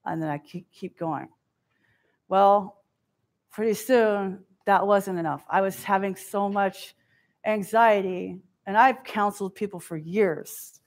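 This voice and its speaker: A woman giving a keynote talk, telling a personal story in an animated way and acting out the quoted voices. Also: mid-range voice, slow pace. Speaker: keynote speaker. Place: stage before an audience.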